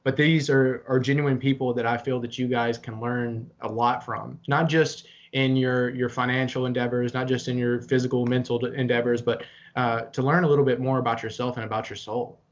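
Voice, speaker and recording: Brisk and with few pauses, a young adult man co-hosts a laid-back chat in a medium-pitched voice that barely moves in pitch. He delivers an earnest, motivational pep talk with occasional swearing; the lo-fi recording sounds slightly dull.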